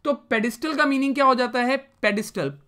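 Guy teaching word roots, bright clear voice, keeps asking "what does it mean?" then answering. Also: extremely high pitch, a little fast. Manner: explains with repeated rhetorical questions; mixes English terms into Hindi speech. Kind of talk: vocabulary lesson.

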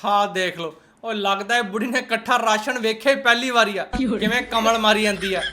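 Very high, bright sarcastic Punjabi man. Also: brisk. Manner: sarcastic, teasing, colloquial. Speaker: host of a roast reaction channel. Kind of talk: mocking reaction commentary.

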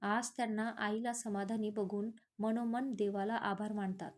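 A woman reads a serial romance aloud in a steady, even manner. Her voice is mellow and sits at a middle pitch, with faint guitar music underneath. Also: measured pace. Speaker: storyteller. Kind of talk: serialized romantic story narration.

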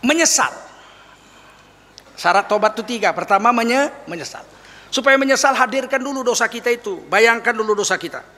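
A male preacher giving an animated sermon to an audience, acting out weeping prayers and joking with listeners. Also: extremely high pitch, brisk. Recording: long reverb of a hall.

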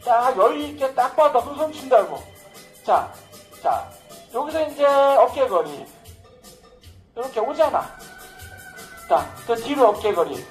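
A man's voice: extremely high pitch, sing-song, a little slow, long pauses, low-quality recording. Joking man teaching social dance over music. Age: middle-aged. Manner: boastful, joking, casual banter. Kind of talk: dance lesson with live commentary.

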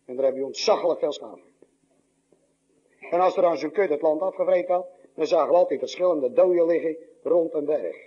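An older man, a pastor, preaching a dramatic sermon with a husky voice, swinging from loud high cries to low hushed lines. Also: brisk, muffled recording.

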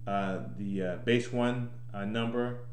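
A middle-aged man explaining his code in an informal tutorial, thinking aloud, haltingly repeating and restarting his phrases over and over. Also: mid-range voice, fairly even intonation. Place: small indoor room at home. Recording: echoey room, clear background noise.

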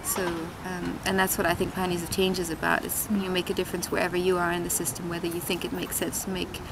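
With loud city traffic behind her, a woman in her thirties from Denmark reflects aloud in an interview at an outdoor street table by a tiled wall. Her lowish voice stays completely flat, and her thoughtful answers are broken by frequent pauses, fillers and restarts.

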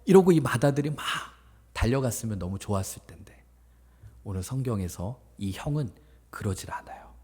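Husky male youth pastor in echoing church. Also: mid-range voice, fairly quick. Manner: casual, animated storytelling that acts out the characters; addresses listeners directly with questions. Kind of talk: sermon to teenagers. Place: small church worship room.

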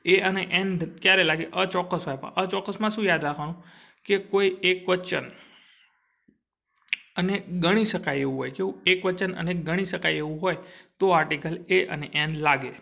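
A young man with a high, bright voice gives a classroom grammar lecture for exam students at a normal speed. His tone is steady and forceful with some vocal fry, and he keeps posing short questions and answering them himself.

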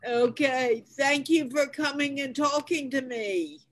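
An older woman hosting an English conversation class over a video call, speaking slowly and patiently like a teacher. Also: high voice, poor audio. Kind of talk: online video call chat.

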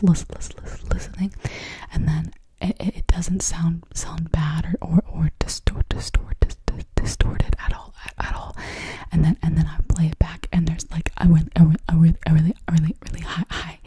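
A young adult woman doing fast whispered ASMR close to the mic, repeating words and syllables in a deliberate glitchy stutter. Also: deep voice. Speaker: ASMR video host. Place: small decorated home studio room, indoors. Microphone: silver desktop condenser mic at the lips.

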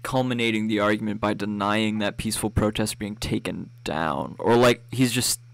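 A man's voice: lowish voice, normal speed, gravelly, no echo. A man in casual conversation on a call, talking loosely with many fillers and frequent giggles. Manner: chatty, filler-heavy, giggles. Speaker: stream host.

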